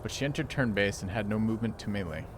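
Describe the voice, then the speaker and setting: A man's voice: fairly low pitch, expressive, fast talker, noisy background. A man streaming a strategy game, thinking aloud in casual commentary, puzzled and now and then swearing at the game's rules.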